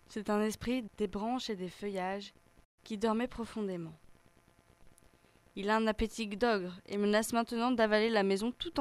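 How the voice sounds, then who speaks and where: A woman narrating a children's story in a gentle, measured reading voice. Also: a little high.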